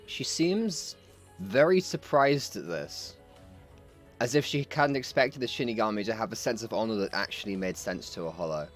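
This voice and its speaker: A man's voice: lowish voice, animated, normal speed, faint music behind. A man narrating as game master of a tabletop game, loose and full of fillers.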